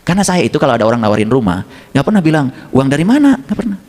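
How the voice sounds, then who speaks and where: A man's voice: mid-range voice, very fast. A middle-aged man giving an informal sermon as a religious teacher. He keeps asking the congregation questions and acts out little dialogues. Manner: animated, asks the audience questions and acts out dialogues. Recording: long hall reverb.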